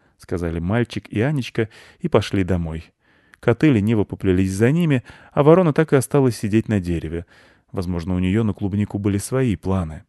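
A man calmly narrating a scripted children's story. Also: fairly low pitch, no echo, clean studio sound. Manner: calm, even storytelling.

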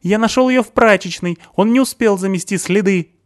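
Man doing a shrill panicky coward. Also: fairly quick, natural voice. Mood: accusing, shrill. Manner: hysterical, high-pitched and stammering. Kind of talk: audiobook reading.

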